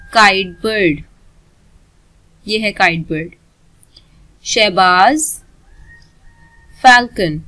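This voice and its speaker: Very slow, emphatic woman teaching words. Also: mid-range voice, poor audio. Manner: repeats each word twice, loud and emphatic. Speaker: vocabulary teacher. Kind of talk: slow vocabulary lesson.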